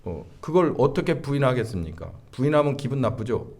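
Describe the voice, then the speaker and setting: A middle-aged male pastor delivering a sermon slowly and deliberately, with frequent filler sounds between phrases. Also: medium pitch, sing-song, darkish tone.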